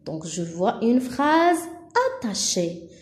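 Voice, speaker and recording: Woman teacher going over a kids' lesson super slow, lively sing-song voice, echoey room. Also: medium pitch. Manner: slow, clear syllable-by-syllable teaching. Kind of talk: first-grade lesson for children.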